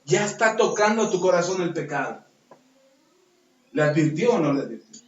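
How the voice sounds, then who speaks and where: High-voiced preaching man, roomy distant sound. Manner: acts out dialogue in lively voices. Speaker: pastor. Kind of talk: sermon. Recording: roomy, distant, dull sound with faint noise.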